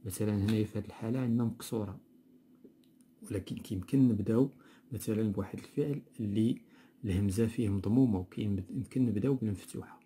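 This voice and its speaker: A man with a Moroccan accent teaching a grammar lesson from a textbook, explaining slowly and repeating words. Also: lowish voice, warm tone, slight background noise. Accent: Moroccan Arabic. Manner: explanatory, repeats words slowly, mixes dialect with standard Arabic.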